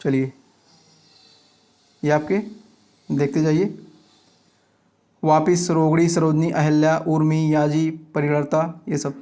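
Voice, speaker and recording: Teaching grammar for an upcoming exam, a man with a rather high voice reads example words one after another in steady lists. He pauses often to verify that the students are following.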